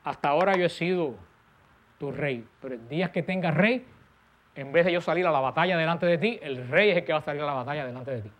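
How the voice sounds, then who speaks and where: Male preacher, higher voice, emphatic, trailing soft phrase ends. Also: fast. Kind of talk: sermon.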